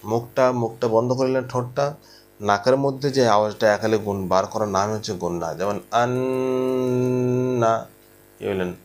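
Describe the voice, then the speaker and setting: A man's voice: on the low side, fairly even intonation, slight background noise. Patient man teaching Quran reading. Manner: slow, drawn-out demonstration of sounds; patient, repeats each point twice. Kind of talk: recorded lesson with a board.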